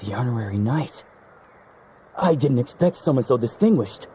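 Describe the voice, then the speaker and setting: A man's voice: medium pitch, lively intonation, normal speed, warm tone, slight background noise, natural voice. A man voicing a timid young trainee medic. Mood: earnest. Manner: hesitant, stammering.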